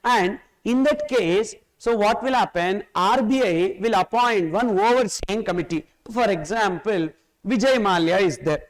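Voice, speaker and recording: A man's voice: high-pitched, a little slow, poor audio. A man with a South Indian accent lecturing a class, emphatic and repetitive, often asking questions and answering them himself. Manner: emphatic, repeats phrases, asks and answers own questions. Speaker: tax course teacher.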